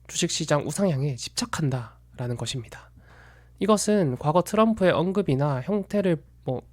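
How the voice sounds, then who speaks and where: A man gives a reflective solo commentary on investing, measured and analytical, stopping now and then to correct a word. His voice sits a little high for a man. The recording is dry and close, with almost no room sound. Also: a little mellow, no room sound.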